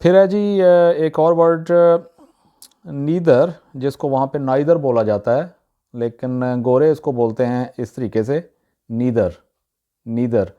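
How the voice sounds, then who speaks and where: A man teaches English pronunciation in a casual, unhurried way, repeating each word and pausing often on "uh." His mid-range voice sounds dark and relaxed. The recording is dull and muffled. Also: medium pitch. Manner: explains word by word, repeats each pronunciation twice, frequent "uh" pauses. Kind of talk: casual spoken lesson to camera.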